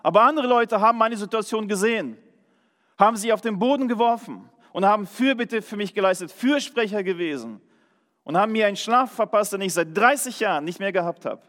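High-voiced man preaching in a reverberant hall. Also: a little fast, a bit bright. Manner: checks in with listeners with a frequent "Ja?". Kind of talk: sermon with personal testimony.

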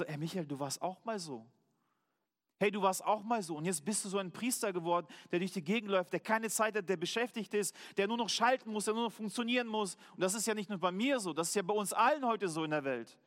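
A German man preaching a sermon as pastor, earnest, slowing down to stress key words. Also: sits high, a bit bright, big-room sound.

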